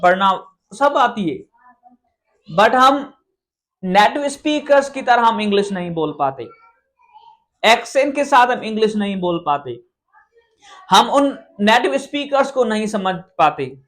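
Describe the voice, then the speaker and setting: Earnest Pakistani English teacher. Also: male voice, sits high, expressive, unhurried, pauses often, a bit bright. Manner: earnest, repetitive, mixes English phrases into Urdu-Hindi. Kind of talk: explanatory lecture.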